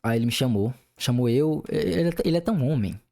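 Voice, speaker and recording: A man's voice: medium pitch, lively intonation, quick pace, creaky, dark tone. Young male podcast host, angry venting monologue, heavy swearing.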